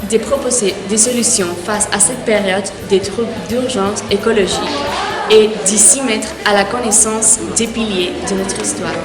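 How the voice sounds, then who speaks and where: Woman anchor, formal read, distant in a reverberant hall, heavy music bed. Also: medium pitch. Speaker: news anchor. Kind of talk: read news introduction.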